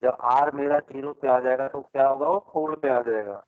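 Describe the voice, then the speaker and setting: A man's voice: medium pitch, fairly quick, dry recording. A male math teacher holding an online class, quizzing students and answering his own questions, his voice crackling and breaking up over a bad connection. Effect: crackling, breaking-up audio from a bad connection. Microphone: online video call. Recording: narrow phone-like online call audio.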